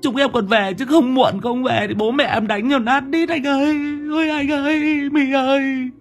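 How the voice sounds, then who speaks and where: A man's voice: extremely high pitch, fairly even intonation, normal speed, soft background music, voice pushed up. A man voicing a frightened village boy who stammers and begs. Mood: terrified. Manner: stammering, pleading.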